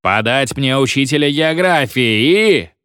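A man's voice: medium pitch, animated, unhurried, fairly bright tone, smooth, no room sound, clean studio sound, voice pushed up. A man voicing a furious, bellowing male school headmaster who rants and threatens. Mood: raging. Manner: roaring, ranting, threatening.

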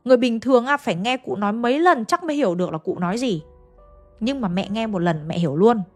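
A woman with a fairly high voice tells a ghost story the way a neighbour would over tea, chatty and familiar, turning to her listeners as she goes. Faint music plays softly underneath her. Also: lively intonation, fast talker. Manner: chatty, addresses listeners directly, folksy fillers. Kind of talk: casual storytelling narration.

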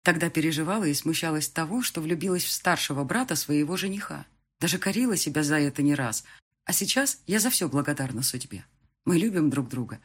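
A woman narrating a first-person audiobook in an expressive, animated way. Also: deep voice, fairly quick, husky.

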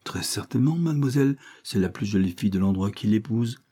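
A man's voice: fairly low pitch, lively intonation, fast, mellow, slightly rough. A man reading an audiobook, voicing a timid, deferential old law clerk in his sixties.

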